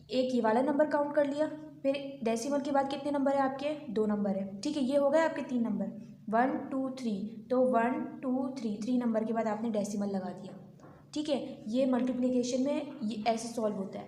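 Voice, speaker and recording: High-voiced woman teaching maths, echoey. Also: dark tone. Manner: patient, repeats counts aloud, frequent "theek hai". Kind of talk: step-by-step maths lesson.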